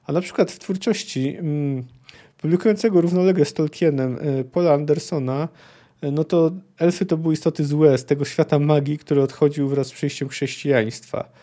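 A man's voice: a little high, steady tone, brisk, warm tone. Thoughtful young man discussing fantasy books. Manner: thoughtful, hesitant with fillers. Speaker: podcast host. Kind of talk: book discussion podcast.

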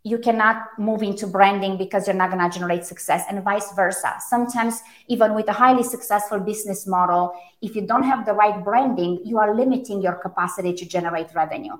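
Her answers come a little fast with hardly any pauses as this Romanian woman, a brand strategist with a Romanian accent, explains her work in an interview. Her medium-pitched voice is articulate and emphatic, recorded in an echoey space.

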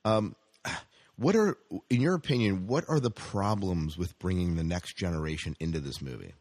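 This man hosts a casual entertainment news podcast, talking conversationally and often turning questions to his co-host. His voice is low and a little mellow with lively intonation, at normal speed, with no echo.

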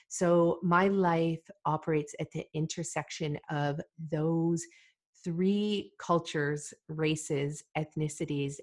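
A woman from Malawi hosting a solo podcast, talking in an earnest, deliberate way with fillers and repeated phrases. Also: deep voice. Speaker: podcast host.

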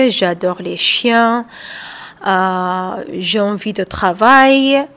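Slow-speaking woman, French as a second language. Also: mid-range voice. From Somalia. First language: not French. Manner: slow, halting, searching for words in French. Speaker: guest, author. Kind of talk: radio interview.

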